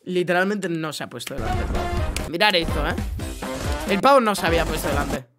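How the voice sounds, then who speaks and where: This gaming YouTuber, a young man from Spain, speaks in a slightly high voice with animated intonation and a quick pace while music plays behind him. His excited reaction commentary on the clips is full of exclamations, laughter and swearing, delivered with a Spanish accent.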